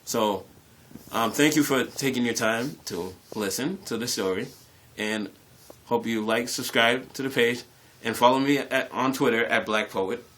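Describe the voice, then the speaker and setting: Speaking to camera at a measured pace, a man with a mid-pitched voice shares a personal story with his online audience. He's casual yet expressive, echoing short phrases and breaking into bits of performed dialogue.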